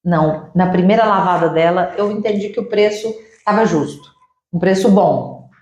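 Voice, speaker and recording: Energetic woman. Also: lowish voice, moderate pace. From Uberlândia, Minas Gerais, Brazil. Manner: energetic, teacherly, acts out sample dialogues. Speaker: sales mentor guest. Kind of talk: didactic interview answers. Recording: echoey room.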